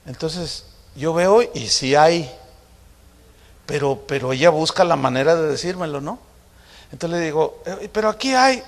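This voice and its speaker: Middle-aged pastor, high voice. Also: male voice, unhurried, long reverb tail. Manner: conversational, confiding, humorous. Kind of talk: sermon.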